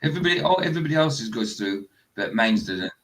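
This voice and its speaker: A man's voice: mid-range voice, very animated, fast talker, a bit bright. A Scottish man from the northeast of Scotland hosting a livestream, chatting in a rambling way and laughing often. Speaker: livestream host. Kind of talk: casual chat.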